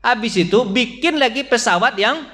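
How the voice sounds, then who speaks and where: A high-voiced man preaching to a mosque congregation, with an Indonesian accent and Malay-style phrasing. He keeps turning to the listeners with quick questions and acts out small sounds and voices. His delivery swings between loud, lifted peaks and low, quiet asides. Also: animated. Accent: Indonesian with Malay-style colloquialisms. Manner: asks the congregation frequent questions, addressing them as "Pak". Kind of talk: mosque dawn study sermon. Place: mosque hall.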